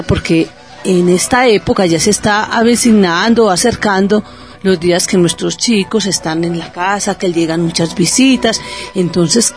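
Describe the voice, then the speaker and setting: Woman presenting a cooking segment. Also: medium pitch. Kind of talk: radio cooking instruction.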